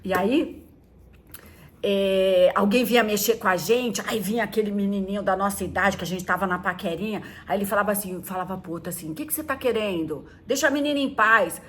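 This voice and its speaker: A woman's voice: fairly quick, fairly bright tone. A middle-aged woman pastor talking casually and playfully to teenagers, often acting out little scenes. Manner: chatty and playful, acting out quotes in high squeaky voices.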